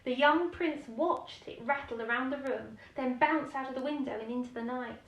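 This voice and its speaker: A woman with a high, fairly bright voice reads a children's picture book as a bedtime story at normal speed. She reads expressively, adding chatty explanations and questions for young listeners. The microphone is distant, leaving a roomy echo.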